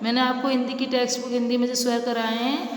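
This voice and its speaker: Woman teacher, high voice, patient and repetitive, recorded in a roomy, echoey space. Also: little pitch movement, fast talker. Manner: patient, repetitive, asks and answers own questions. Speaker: nursery teacher. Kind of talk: teaching children handwriting.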